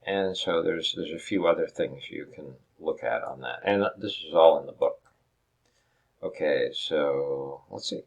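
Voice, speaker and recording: A man's voice: very deep voice, a little slow, gravelly, lo-fi sound. A man teaching a recorded lecture over slides, explaining step by step with frequent restarts and rhetorical questions. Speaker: instructor.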